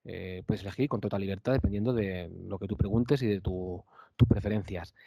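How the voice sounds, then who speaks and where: A man's voice: lowish voice, a little fast, dark tone, dry recording. A man with a Spanish accent, a speech therapist answering questions on a panel, explaining with frequent fillers and tag questions.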